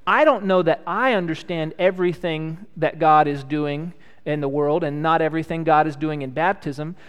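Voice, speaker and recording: A man in his thirties, a pastor leading prayer and a children's message, speaking gently and asking the children simple questions. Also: a little high, clear, resonant tone. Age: 30s. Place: church.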